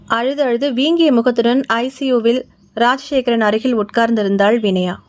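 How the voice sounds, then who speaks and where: A woman with a Tamil accent, reading a horror story aloud and voicing each character herself. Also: a little high. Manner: voices every character herself. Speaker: audiobook narrator. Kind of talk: scripted storytelling narration.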